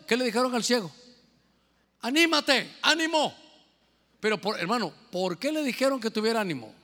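Emphatic preacher in an echoing church. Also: male voice, high voice, fairly bright tone. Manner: emphatic, repeats phrases, asks listeners questions. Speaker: pastor. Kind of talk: sermon. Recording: echoey hall, faint music.

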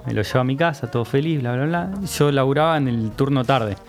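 A young man with a Rioplatense accent, a podcast guest telling an animated story in casual chat and acting out the people he quotes. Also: medium pitch, a little fast, soft background music. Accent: Rioplatense Spanish.

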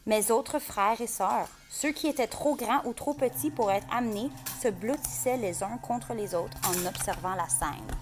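A woman reading a story aloud to a class in a slow, soft, measured way. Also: on the high side, faint music behind.

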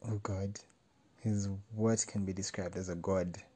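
A man reading a first-person story aloud in a measured, wry way. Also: low voice, steady tone, warm tone, slightly rough. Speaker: narrator.

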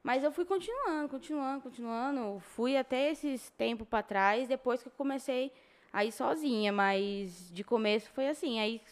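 A young woman speaks Brazilian Portuguese in a fairly high voice. She talks as a guest in a casual interview, in informal, slangy phrasing, often voicing reported dialogue as she tells her story. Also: moderate pace.

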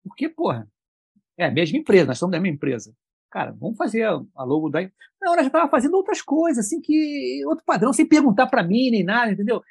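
Animated, gravelly-voiced man. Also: very high voice, fast, no echo, clean studio sound. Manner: lively, colloquial, animated storytelling. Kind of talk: casual conversation.

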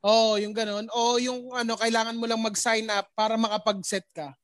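A man's voice: high voice, flat delivery, normal speed, a bit bright, no echo, clean studio sound. A man hosting a podcast, joking around and swearing freely in casual chat. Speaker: podcast host.

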